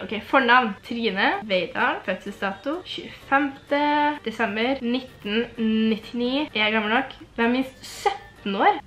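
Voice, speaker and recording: A bubbly nineteen-year-old woman with a Trøndelag accent, chatting casually to camera. Her voice is high and bright, and the room around her sounds echoey. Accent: Trøndelag Norwegian. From Trøndelag, Norway. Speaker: YouTuber. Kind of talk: casual vlog chat.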